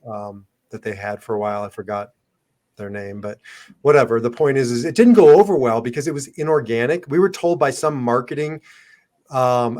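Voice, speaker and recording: Podcast co-host, male, mid-pitched, emphatic and opinionated. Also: darkish tone. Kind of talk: casual podcast discussion.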